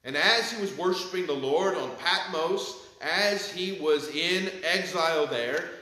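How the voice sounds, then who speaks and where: A man in his thirties preaching a sermon from a pulpit in a church sanctuary, with measured delivery. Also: on the high side, bright, forceful tone, very echoey, low-quality recording. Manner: measured preaching, reads scripture with rising emphasis. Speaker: pastor. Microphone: pulpit mic, far camera.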